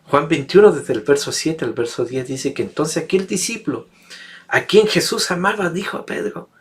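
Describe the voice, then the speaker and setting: A man's voice: fairly high pitch, lively intonation, normal speed. A male preacher delivering a sermon, emphatic and building repetitive rhetorical lists.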